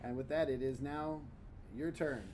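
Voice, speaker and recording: A man's voice: mid-range voice, fairly even intonation, a little slow. A man speaking as dungeon master, explaining and narrating a tabletop game in an informal, casual way. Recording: faint background noise.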